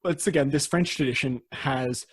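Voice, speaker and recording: A man from Canada chatting loosely on a podcast about folklore topics. His voice is a little husky, and he laughs easily and trips over his own starts. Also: mid-range voice, moderate pace. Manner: laughs often, restarts and hedges. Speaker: podcast co-host. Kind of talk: casual podcast chat.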